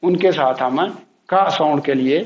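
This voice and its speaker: A man's voice: a little high, unhurried. A man teaching English spelling rules, patiently repeating each rule and example word. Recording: echoey room, dull lo-fi sound.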